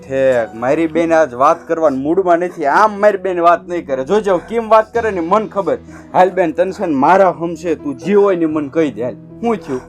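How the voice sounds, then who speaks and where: A man's voice: on the high side, a little fast, faint music behind, lightly acted. An actor playing a caring elder brother who coaxes and reassures his sister. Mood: reassuring. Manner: reassuring, coaxing. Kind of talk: village family drama acting.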